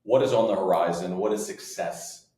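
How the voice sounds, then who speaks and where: Male host, slightly low voice, conversational questioning, echoey room. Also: moderate pace, warm tone. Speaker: interviewer, host. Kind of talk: conversational interviewing.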